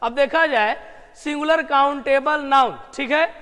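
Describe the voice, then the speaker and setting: A man teaching English grammar online. He drills his students with repeated questions, slows down to stress key terms and breaks into emphatic bursts. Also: extremely high pitch, in a large hall. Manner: lively with sudden emphatic outbursts.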